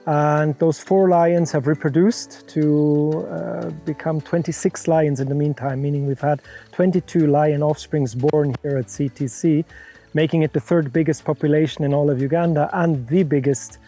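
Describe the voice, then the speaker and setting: A man's voice: a little high, steady tone, moderate pace, mellow, soft background music. A middle-aged man from Europe, founder of a conservation center, answering interview questions frankly and laying out worked examples.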